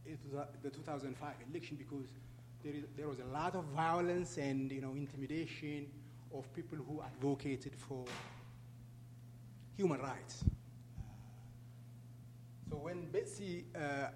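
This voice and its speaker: A middle-aged or older man with an Ethiopian accent gives a halting public talk, often putting questions to his audience. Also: fairly high pitch, a little mellow. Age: middle-aged or older, over 44. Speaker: guest speaker, refugee advocate. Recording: echoey hall, clear background noise and hum.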